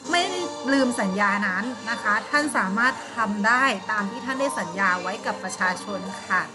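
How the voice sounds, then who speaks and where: A woman teaching an online primary school class, patiently explaining and asking her pupils questions. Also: a little high. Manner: patient, coaxing, asks pupils questions and answers them herself.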